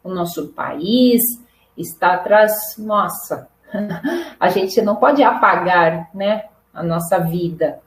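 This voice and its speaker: A middle-aged Brazilian woman with a fairly low voice teaches Portuguese slowly in a live online lesson, and the sound is roomy. She is patient, repeats her examples, and keeps checking in with "né?" and "tá bom?".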